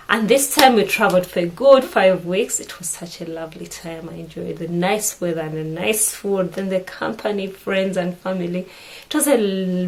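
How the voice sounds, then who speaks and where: Chatty Ugandan woman, low-voiced. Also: poor audio. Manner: chatty, often restarts and corrects herself mid-sentence. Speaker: sewing vlogger. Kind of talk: casual chat to camera.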